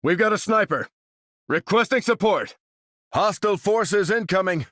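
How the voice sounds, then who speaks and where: A man's voice: high-pitched, lively intonation, moderate pace, a bit bright, dry recording, clean studio sound. An American man playing Captain America, a stalwart veteran soldier hero and earnest, commanding leader in a video game. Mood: rallying, urgent. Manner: earnest, commanding, military phrasing. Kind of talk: video game character voice lines.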